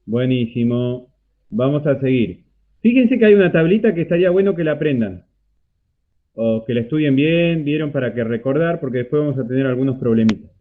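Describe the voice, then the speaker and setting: A man's voice: medium pitch, lively intonation, brisk. A man with an Argentine accent teaching a math class online, explaining step by step and checking in often with a rising "¿sí?". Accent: Argentine Spanish. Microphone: computer mic on a video call. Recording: tinny phone-like video call audio.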